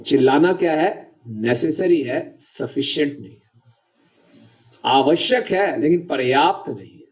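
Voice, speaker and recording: A preacher with an animated voice on the high side speaks a little slowly through a devotional lecture. He keeps it conversational and often makes sure the audience follows, and the recording of the lecture is dull and lo-fi.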